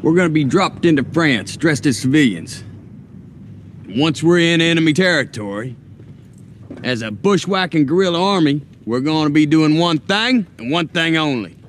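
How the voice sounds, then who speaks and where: A tough Southern army lieutenant drawls his orders in a thick Southern US accent. His voice sits a touch high and swings widely in pitch, with faint background ambience. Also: expressive, unhurried, a little hiss or hum. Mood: commanding. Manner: drawling, commanding speech to troops.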